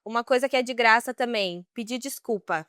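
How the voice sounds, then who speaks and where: A woman's voice: a little high, brisk, a bit bright, smooth, no room sound, studio quality. A woman co-hosting a podcast in casual chat, telling stories and laughing often. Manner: chatty storyteller, laughs often. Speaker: podcast co-host.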